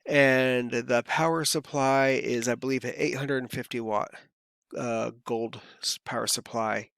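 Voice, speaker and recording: A man's voice: mid-range voice, fairly even intonation, measured pace, vocal fry, fairly bright tone, smooth. A man from California talking casually to camera as a vlogger, rambling and easygoing with lots of fillers, his voice a bit worn. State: voice feels worn. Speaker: crypto vlogger.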